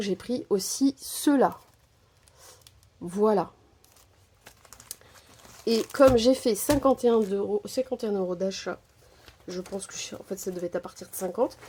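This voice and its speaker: A woman's voice: medium pitch, dark tone, slightly rough. A woman chatting casually in a crafting haul vlog, talking into a phone camera and filling her sentences with hesitations and repeated little fillers. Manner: chatty, filler-heavy, keeps saying "voilà". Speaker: crafting vlogger.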